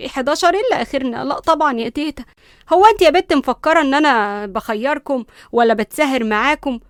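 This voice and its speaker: A woman's voice: high voice, quick pace, dry recording, clean studio sound, lightly acted. A woman voicing a fierce, bossy old grandmother with an Egyptian accent, scolding and threatening with sarcasm.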